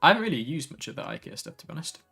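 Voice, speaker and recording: A man chatting casually on a live tech stream, relaxed and a little tired, reading viewer comments aloud and drifting between topics. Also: on the high side, very fast, creaky, slightly rough, faint music behind. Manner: relaxed, tired, easily sidetracked, reads chat aloud.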